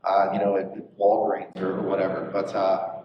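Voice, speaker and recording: A man leading a church small group, sharing in a halting way full of fillers. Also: low voice, completely flat delivery, lo-fi sound, slight background noise. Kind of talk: casual testimony. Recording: echoey room from a distant mic.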